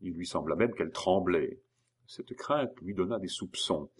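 A man narrating a classic novel as an audiobook, in a measured storytelling manner. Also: deep voice, lively intonation, husky.

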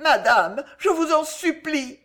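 A woman voicing a young female spy who pleads and cries out in a high, imploring voice. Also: expressive, slow pace, fairly bright tone, exaggerated voice. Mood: pleading.

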